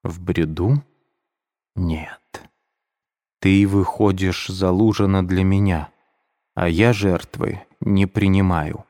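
A man's voice: deep voice, steady tone, takes it slowly, pauses often, a little mellow, in a large hall. A man reading a feverish young man's lines, curt, weary and irritable.

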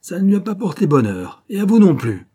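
A man's voice: medium pitch, fairly quick, dark tone, natural voice. A man playing a barking German officer. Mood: gloating. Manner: barking, mocking, with German exclamations. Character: cruel, sneering German SS lieutenant.

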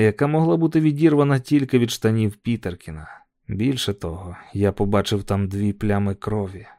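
A man narrating an audiobook story in a measured, calm telling. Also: medium pitch, dry recording, clean studio sound.

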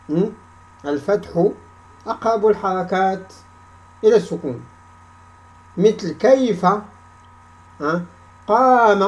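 A man teaching a grammar class, reciting examples slowly and prompting students with repeated questions for them to answer back. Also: high-pitched, darkish tone, poor audio. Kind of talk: classroom lesson with call-and-response.

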